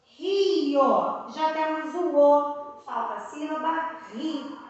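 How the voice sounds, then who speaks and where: A Brazilian woman teaching first graders, spelling out syllables slowly and patiently with prompting questions. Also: sits high, heavy reverb, distant mic, lo-fi sound, faint music behind. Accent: Brazilian Portuguese. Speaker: primary school teacher. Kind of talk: slow, clear classroom instruction for young children.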